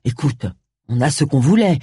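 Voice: mid-range voice, animated, moderate pace, dark tone, slightly rough, no room sound, pitched below the performer's own voice. The reader voicing a level-headed man who grumbles dryly at his companion, in a dry, close audiobook recording. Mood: soothing.

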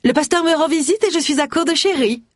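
A woman voicing a pushy, vain, falsely sweet woman in her fifties, in a high put-on voice, in an audiobook. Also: fast talker, no echo, studio quality, lightly acted. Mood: sugary.

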